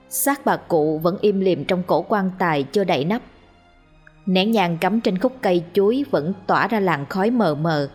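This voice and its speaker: Woman storyteller, lowish voice, steady suspenseful ghost-story reading, faint music under it. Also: husky. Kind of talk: scripted narration of a ghost story.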